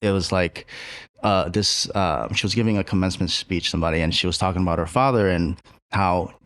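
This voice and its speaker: Deep-voiced yet fairly bright in tone, a male chef and restaurant partner talks casually on a podcast, thoughtful and hesitant with lots of fillers and do-overs.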